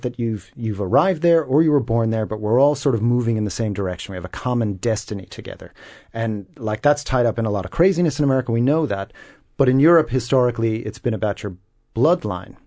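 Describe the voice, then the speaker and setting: Earnest man with a mellow voice. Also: mid-range voice, no room sound, clean studio sound. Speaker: panel guest. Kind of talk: casual panel discussion.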